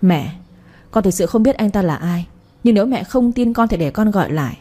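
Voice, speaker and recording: A woman's voice: medium pitch, expressive, brisk, mellow, lightly acted. A woman voicing a young wife who defends herself earnestly and politely. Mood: indignant.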